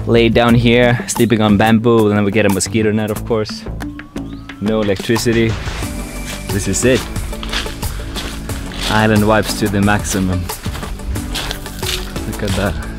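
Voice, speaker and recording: A man's voice: on the low side, little pitch movement, unhurried, pauses often. A young man from Iceland, a travel vlogger talking eagerly to a camera held at arm's length outdoors by a beach. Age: young adult. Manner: enthusiastic, talks to camera. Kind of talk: casual travel vlog. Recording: music playing under voice.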